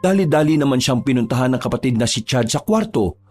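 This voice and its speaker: A man giving steady, dramatic scripted narration of a horror story. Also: mid-range voice, fast talker, soft background music.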